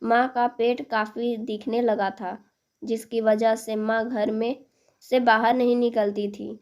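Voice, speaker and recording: A woman narrating a first-person family story, reading in a plain, halting way with small slips. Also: a little high, little pitch movement, a little mellow.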